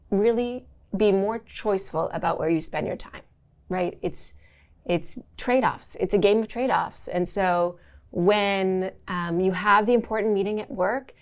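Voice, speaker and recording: A woman's voice: mid-range voice, unhurried. A woman being interviewed, answering in a reflective, conversational way. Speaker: interview guest, brand executive.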